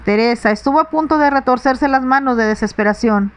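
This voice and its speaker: A woman reading a novel aloud in soft, measured whispered role-play narration. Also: sits high. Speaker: audiobook reader.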